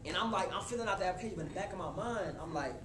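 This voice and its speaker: Animated young man in an echoey hall. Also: sits high, very fast. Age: 20s. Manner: animated, street-casual, talks straight to the crowd. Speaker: motivational speaker. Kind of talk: motivational talk to a live audience. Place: college hall before an audience. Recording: echoey hall with room noise.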